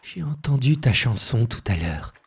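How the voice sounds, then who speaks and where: A man voicing an imperious young emperor in an audio story reading, speaking slowly and commandingly. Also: mid-range voice, very animated, creaky, slightly rough, full character voice.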